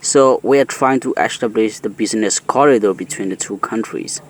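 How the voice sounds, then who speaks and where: A man's voice: lowish voice, normal speed, slight background noise. A man giving a formal spoken statement as an interviewee in a news report.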